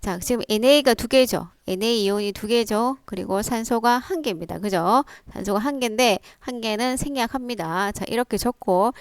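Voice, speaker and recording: A woman's voice: a little high, normal speed, few pauses, dry recording. A woman science teacher explaining step by step in a lecture, prompting with rhetorical questions. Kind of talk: classroom lecture.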